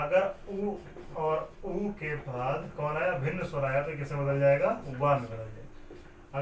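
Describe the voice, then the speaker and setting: A man's voice: on the high side, a little hiss or hum. A man teaching Hindi grammar in a classroom lecture. He asks questions and answers them himself, repeating each step. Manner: repetitive, explains step by step. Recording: echoey room, mic at a distance.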